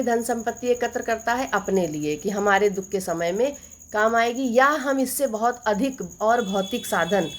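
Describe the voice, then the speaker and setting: A woman teaching a Hindi poetry lesson, walking students through couplets line by line. She keeps asking rhetorical questions and then answers them herself. When she quotes a verse, she slows down and recites it deliberately. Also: mid-range voice. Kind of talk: exam-focused poetry lesson.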